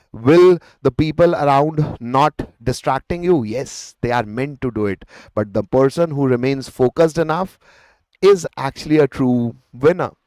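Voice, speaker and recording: This chemistry teacher, a man with an Indian accent, runs a live online revision lesson, coaching and encouraging his students, speaking to them directly and slipping Hindi words into his English. His voice is mid-range and darkish, and the recording is rough, with no room sound.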